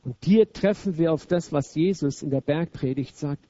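High-voiced emphatic male preacher, dull recording. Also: normal speed, mellow, dry recording. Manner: emphatic, blunt and colloquial, acts out quotes. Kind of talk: sermon.

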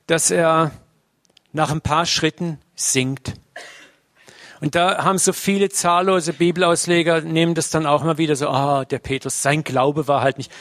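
A man's voice: fairly high pitch, fairly bright tone, no echo, studio quality. A man preaching a sermon in a conversational way, often tagging his sentences with a questioning "ne?". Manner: conversational, uses tag "ne?" often.

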